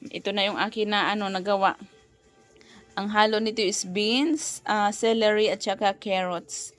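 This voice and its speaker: A woman's voice: medium pitch, steady tone, moderate pace, a bit bright, faint music behind. A woman vlogging as a mom cooking at home, chatting and mixing Tagalog with English while recording on her phone. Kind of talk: casual home cooking vlog. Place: home kitchen. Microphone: phone camera.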